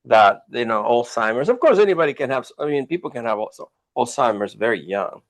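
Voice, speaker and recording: A man hosts a film podcast, asking long questions that stop and restart over and over. His voice sits at an everyday middle pitch, and his talk is full of fillers. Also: sing-song, rough recording. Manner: halting, many restarts and fillers. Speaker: podcast host. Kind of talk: interview chat.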